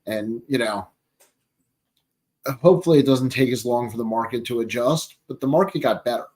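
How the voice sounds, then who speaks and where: A man hosting a casual chat, speaking haltingly and searching for his words. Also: medium pitch, darkish tone.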